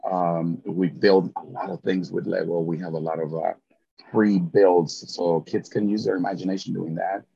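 A man's voice: low-pitched, flat delivery, moderate pace, gravelly, mellow, breathy edge. A middle-aged man from Mexico with a Mexican Spanish accent, chatting with enthusiasm as a guest in an interview and often repeating words as he starts a thought. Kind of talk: casual interview chat. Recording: dull lo-fi sound.

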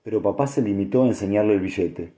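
A man narrating an audiobook in a steady, measured reading. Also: fairly low pitch. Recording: echoey room.

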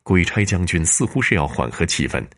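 A man narrating a storybook tale in an expressive, dramatic way. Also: low voice, a little fast.

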